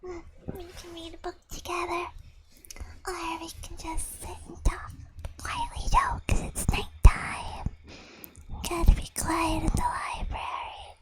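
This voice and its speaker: A woman doing a whispered ASMR roleplay, cutesy and childlike, soothing the listener and softly repeating gentle words. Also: extremely high pitch, wildly swooping pitch, measured pace. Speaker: ASMR performer.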